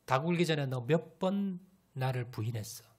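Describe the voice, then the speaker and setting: A preacher doing a soft, fatherly man. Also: moderate pace, natural voice. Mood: reproachful. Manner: soft, lowered, calm delivery. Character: gentle, fatherly man speaking softly to his followers.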